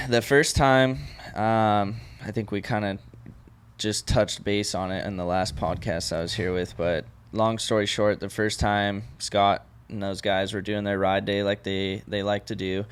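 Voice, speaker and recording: A young man speaks as a podcast guest in a low, smooth, resonant voice. He rambles in a relaxed way, padding his thoughts with fillers. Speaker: podcast guest and event organizer. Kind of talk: casual podcast chat.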